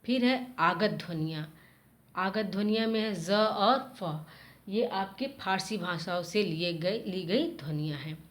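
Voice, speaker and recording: Woman teacher, slow deliberate delivery, middle-pitched voice, sounds out letters one by one for children. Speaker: school teacher. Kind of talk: slow explanatory Hindi grammar lesson.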